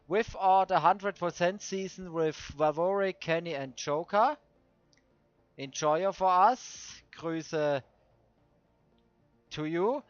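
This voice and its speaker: A man with a Swiss German accent, a native German speaker, hosting casual gameplay commentary and searching for his words in halting English. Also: on the high side, no room sound. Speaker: host of a racing game video series. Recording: dull lo-fi dry microphone.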